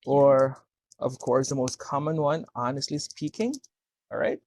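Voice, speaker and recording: A man's voice: medium pitch, steady tone, measured pace, a little mellow, slight background noise. A man tutoring English one-to-one, explaining corrections step by step and checking understanding with "okay?". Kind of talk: one-to-one speaking lesson.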